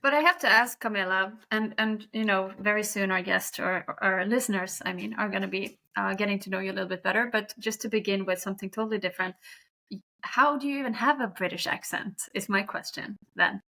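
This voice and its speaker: A woman's voice: medium pitch, creaky, bright, forceful tone. A Norwegian woman with a Norwegian accent hosting a podcast in a chatty, joking way. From Norway. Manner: chatty and friendly, quick to joke. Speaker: podcast host. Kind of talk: casual podcast chat.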